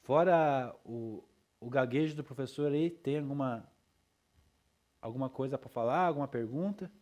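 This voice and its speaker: A man's voice: mid-range voice, normal speed, darkish tone. A male teacher lecturing his class in a loose, chatty way, with frequent tag questions and checks for understanding.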